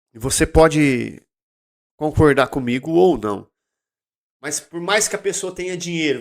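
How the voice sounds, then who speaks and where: A man with a Brazilian accent hosting a daily Bible study. He talks casually, tells stories and reads verses with loud, emphatic bursts. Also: a little high. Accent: Brazilian Portuguese.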